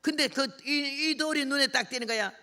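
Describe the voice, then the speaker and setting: A woman's voice: high voice, normal speed, bright, forceful tone. An older woman preaching at a revival meeting, telling folksy anecdotes and acting out dialogue. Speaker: missionary preacher.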